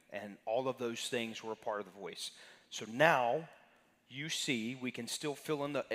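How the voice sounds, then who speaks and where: In a reverberant sanctuary hall, a man pastor runs an interactive Sunday class, speaking conversationally and naming congregation members as he calls on them. His voice is mid-range with a fairly bright tone.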